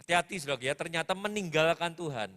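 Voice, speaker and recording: A man preaching a sermon in a church, emphatic and repetitive, rising to loud swells between quieter asides. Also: on the high side, animated, quick pace. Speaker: pastor. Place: church hall. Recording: long hall reverb.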